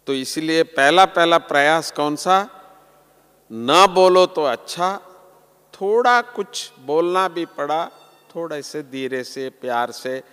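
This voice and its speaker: Male preacher, unhurried and earnest, phrases trailing off softly, reverberant assembly hall. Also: on the high side. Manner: slow, earnest, drops softly at phrase ends. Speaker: spiritual teacher. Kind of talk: sermon to a large gathering.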